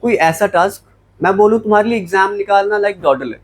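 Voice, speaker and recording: A man's voice: high voice, fast, low-quality recording. A man teaching English words in a classroom lecture, mixing Hindi with English and asking and answering his own questions. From Jammu, India.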